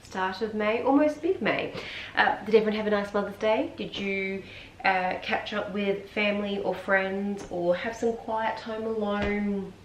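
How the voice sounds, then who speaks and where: An Australian woman chatting casually with viewers while folding laundry at home, rambling with lots of ums and sounding a little hoarse and tired. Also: medium pitch, steady tone, unhurried. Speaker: vlogger. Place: room at home. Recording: echoey room with faint ambient noise.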